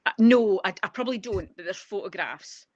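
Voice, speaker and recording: A woman's voice: medium pitch, brisk, dull audio. A woman with a Scottish accent, a guest photographer, telling family stories in a chatty way with frequent ums and restarts. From Scotland. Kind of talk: casual conversational interview. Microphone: video call.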